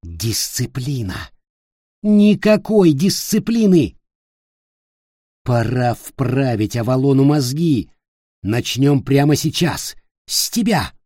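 A man voicing a cruel, arrogant tall boy lord in an audiobook, shouting and hissing in fury. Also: medium pitch, big pitch swings, takes it slowly, breathy edge, no echo, studio quality, exaggerated voice. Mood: furious. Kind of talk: audiobook character voice.

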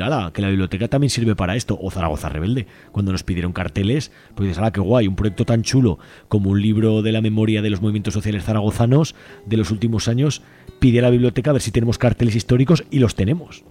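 A man from a community library collective, with an accent from Spain, speaks casually and enthusiastically as a radio guest. His talk rambles colloquially and often seeks agreement, delivered fast in a low, mellow voice.

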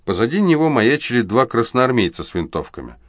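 A man with a mid-range voice narrates an audiobook from a script, telling the story in a measured, expressive way. The recording is clean studio sound with no room sound.

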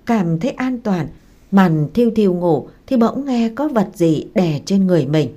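A woman, narrating a dramatic story in a steady reading voice. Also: medium pitch, normal speed.

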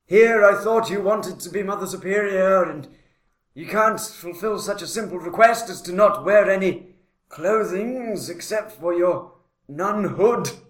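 In an echoey room, a man plays a dying Mother Superior in improv comedy. The voice is high and slow, solemn and demanding, with formal phrasing. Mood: reproachful. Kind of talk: improvised stage comedy scene.

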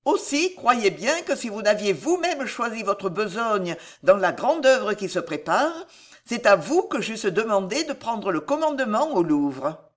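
A woman's voice: mid-range voice, sing-song, unhurried. A woman reading an audiobook, voicing an imperious aging queen who gives ruthless orders in an emphatic, commanding way. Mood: cool, gracious. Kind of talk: audiobook character voice.

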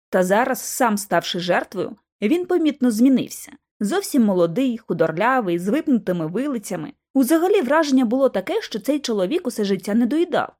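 A woman narrating an audiobook in the first person, with expressive storytelling and dramatic pauses. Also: a little high.

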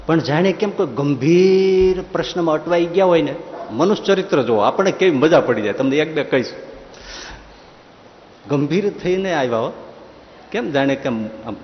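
A man's voice: a little high, moderate pace, pauses often. A man, a swami, giving a Gujarati religious discourse, chanting verses and acting out the voices in his stories. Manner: animated storyteller, chants Sanskrit verses, acts out dialogue. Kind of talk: Gujarati katha sermon with storytelling. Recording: echoey hall, dull lo-fi sound, faint ambience.

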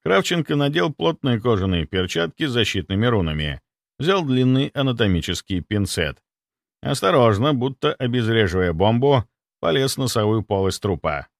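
Male audiobook narrator, tense and wry, very expressive pitch, dry close recording. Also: normal speed, no echo. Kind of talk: first-person audiobook narration.

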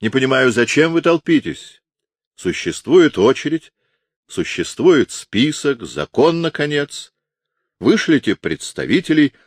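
A man's voice: mid-range voice, sing-song, measured pace, no room sound, studio quality, voice pushed up. A man voicing a pompous, officious fake male starship navigator who lectures everyone.

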